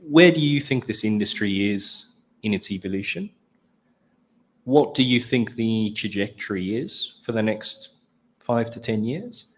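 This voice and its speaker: A man with a fairly low voice acts as a panel moderator. He lays out his questions in an orderly, professional sequence. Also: expressive, a little slow.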